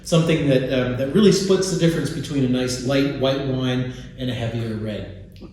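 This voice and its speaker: A man's voice: medium pitch, moderate pace, a little mellow, husky, poor audio. A man hosting a wine tasting, explaining in an informative, conversational way and often checking for agreement. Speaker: host and presenter of a wine tasting. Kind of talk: informative product presentation with casual tasting chat.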